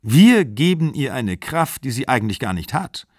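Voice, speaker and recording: A man's voice: mid-range voice, very animated, moderate pace, darkish tone, dry recording, studio quality, voice pushed up. A man reading the lines of a bitter, fragile woman who is a college dean, cold and accusing. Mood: scornful. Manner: cold, accusing, then breaking down.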